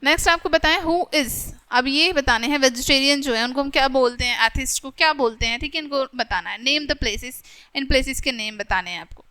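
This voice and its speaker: High bright-voiced teacher woman. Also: clean tone. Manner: reads English lines slowly, explains quickly in Hindi. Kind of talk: grammar lesson for schoolchildren.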